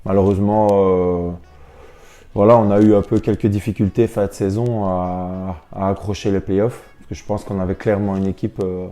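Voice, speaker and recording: With a low, warm voice and little change in pitch, this young man talks at a normal speed. He's a pro basketball player being interviewed, reflecting in a relaxed, informal way and repeating words while he works out what he wants to say.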